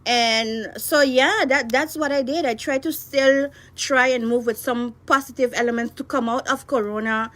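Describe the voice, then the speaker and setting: A woman in her thirties, a blogger guest on a radio show in the studio, chatty and animated, laughing often. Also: sits high, moderate pace, few pauses. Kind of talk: conversational radio interview.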